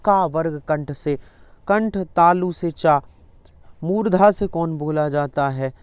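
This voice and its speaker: A man's voice: a little high, slow pace, clear, resonant tone, no room sound. A male teacher running an exam-prep lesson, repeatedly coaxing students to answer his questions.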